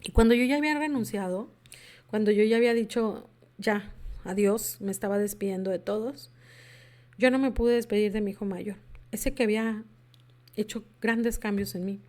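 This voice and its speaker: A woman workshop speaker shares her personal story with an audience in a confessional way, acting out conversations she remembers. Her mid-range, darkish voice keeps fairly even intonation at a moderate pace.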